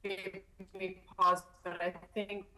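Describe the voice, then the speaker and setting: A woman's voice: mid-range voice, little pitch movement, crowd noise. A woman councillor speaking at a council meeting over a video call, her audio stuttering and cutting out from a bad connection. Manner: speaks haltingly through cut-outs. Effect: buffering, stuttering video call audio. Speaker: town councillor.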